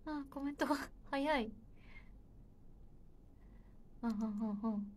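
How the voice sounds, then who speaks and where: A woman's voice: sits high, a little fast, a little mellow, slight background noise. A young woman hosting a casual livestream, chatty and a little nervous, giggling as she reads viewer comments. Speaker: idol livestream host.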